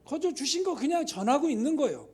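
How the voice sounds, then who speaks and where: Animated high-voiced man preaching. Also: brisk. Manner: conversational preaching with rhetorical questions and sudden hushed whispers. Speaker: church elder preaching. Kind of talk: sermon. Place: church sanctuary.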